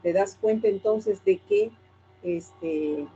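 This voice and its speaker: Peruvian woman teacher, dark and mellow. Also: medium pitch, takes it slowly, muffled recording, slight background noise. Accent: Peruvian Spanish. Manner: asks and answers her own questions. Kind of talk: lecturing a class.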